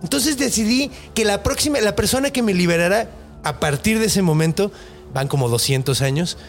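A Mexican man in a loose podcast chat, spinning a story with lots of slang. His voice is high and swings widely, and there is faint music underneath. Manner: animated, slangy, quick to laugh.

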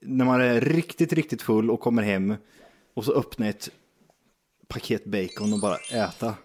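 A man's voice: mid-range voice, noisy background. Crude joking podcast host, a man. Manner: crude, joking, laughs often. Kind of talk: casual podcast banter.

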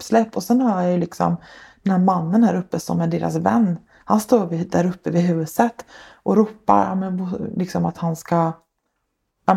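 Low gravelly woman recounting her past. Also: mellow. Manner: earnest, tells events step by step with many fillers. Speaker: guest, social worker. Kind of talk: personal account in a podcast interview.

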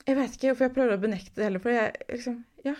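A woman's voice: fairly high pitch, darkish tone. A woman, a guest in a casual chat, speaking hesitantly and agreeably with many fillers.

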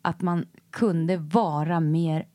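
A woman co-hosting a casual podcast chat, emotional and halting, laughing often. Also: low voice, fairly even intonation, dark tone. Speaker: podcast co-host. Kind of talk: casual chat between friends.

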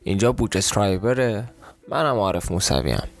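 A man with a southern Iranian accent, a podcaster reading a storybook aloud in steady, expressive narration. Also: lowish voice. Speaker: reader and podcaster.

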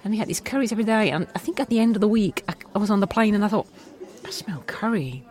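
A woman's voice: mid-range voice, racing, a little mellow. Woman telling dry anecdotes. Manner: anecdotal, dry teasing asides. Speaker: podcast co-host. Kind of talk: casual chat.

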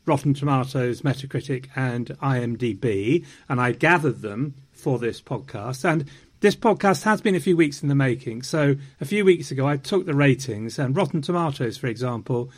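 A man's voice: medium pitch, animated, moderate pace. A man hosting a film podcast, talking in a wry, theatrical way. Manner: theatrical, wry, slips into mock French. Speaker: podcast host. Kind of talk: casual chat.

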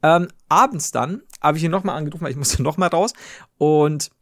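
A man hosting a casual podcast, telling an anecdote in an animated way and laughing often mid-story. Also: on the high side, fairly quick, dry recording, clean studio sound. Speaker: podcast host.

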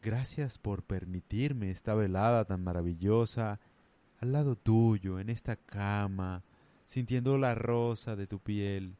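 A man with a Colombian Caribbean coast accent voicing an overly formal, flowery male lover who speaks slowly and tenderly. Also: on the low side, dark tone. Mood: mock-tender. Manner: slow, mock-tender, old-fashioned phrasing.

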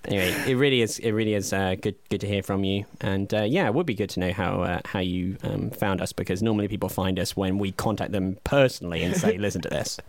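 A man co-hosting a podcast, talking in a wry, deadpan casual way. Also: sits low, fast talker, hardly any pauses, no echo. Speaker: podcast co-host. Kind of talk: casual chat.

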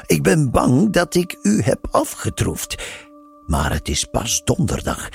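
A man's voice: medium pitch, wildly swooping pitch, takes it slowly, creaky, faint music behind, pitched above the performer's own voice, heavily acted. A man playing a self-satisfied, arrogant lanky man who talks boastfully. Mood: smug. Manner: boastful, triumphant quips.

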